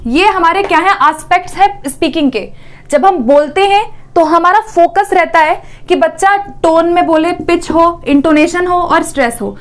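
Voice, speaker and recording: A woman's voice: extremely high pitch, moderate pace. A woman teaching an exam-prep lesson, explaining step by step, asking questions and answering them herself, often checking in with "theek hai".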